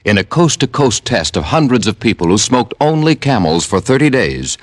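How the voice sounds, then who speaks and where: A man's voice: medium pitch, very animated, normal speed, no echo. A man with an American accent reading an old-time radio advertisement as announcer, in a polished, emphatic sales manner.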